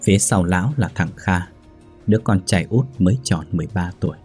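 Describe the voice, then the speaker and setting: A man narrating a dark story in a grave, measured voice. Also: low voice, slightly rough, faint music behind.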